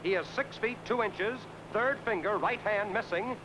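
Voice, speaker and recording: A man playing a radio announcer reading an urgent news bulletin, formal and brisk, in an old film. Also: sits high, close to an everyday voice. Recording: old film soundtrack with noisy background.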